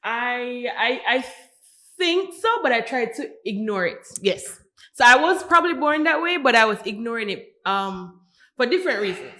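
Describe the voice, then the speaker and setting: A woman with a Jamaican accent, a podcast guest telling stories in a casual, animated way with many restarts. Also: fairly high pitch, moderate pace. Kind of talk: casual chat.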